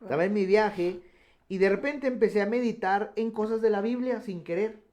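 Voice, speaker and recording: A man's voice: high-pitched, moderate pace, a little mellow, muffled recording. A man telling his personal testimony on a radio program, earnest and full of restarts. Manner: earnest storytelling with many restarts. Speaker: guest giving testimony.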